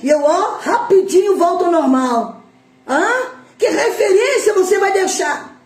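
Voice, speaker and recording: A middle-aged Brazilian woman preaching an emotional Pentecostal sermon, impassioned, shouting and tearful at times. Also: extremely high pitch, lively intonation, a little slow, reverberant. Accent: Brazilian Portuguese.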